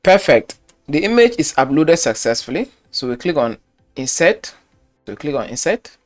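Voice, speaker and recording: Clicking through his screen, a male web design tutor explains website building step by step and keeps repeating key phrases. His voice is fairly high and sing-song, at normal speed. It's a screen-recorded software tutorial with faint background music.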